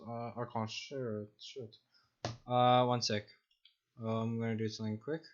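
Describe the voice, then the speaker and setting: A man's voice: medium pitch, flat delivery, moderate pace, dull audio. A young man narrating as dungeon master on a stream, talking in a loose, rambling, self-mocking way. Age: young adult. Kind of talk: narrating a tabletop game on stream.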